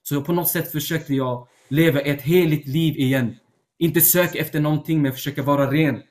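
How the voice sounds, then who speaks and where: A man's voice: on the high side, steady tone, darkish tone. Earnest young man telling his testimony. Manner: earnest, frequent fillers and restarts. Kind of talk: personal testimony, unscripted storytelling.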